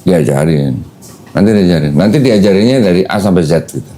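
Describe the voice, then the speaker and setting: A man's voice: low-pitched, animated, brisk, dark tone, slight background noise. A man hosting a casual podcast chat, patiently explaining things step by step to a new convert. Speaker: host explaining Islam to a convert.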